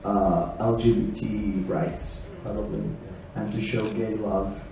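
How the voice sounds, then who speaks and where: Young man, animated panel guest, distant echoey hall. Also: on the low side, slow, muffled recording. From Italy. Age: 20s. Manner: animated, gushing, laughs easily. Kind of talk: casual panel chat. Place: convention stage, indoor hall. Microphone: handheld mic, far camera. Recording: echoey hall from far off, faint noise.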